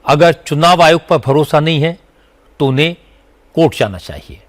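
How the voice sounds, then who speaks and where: News anchor, male, slightly high voice, formal measured read. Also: lively intonation. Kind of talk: scripted news narration.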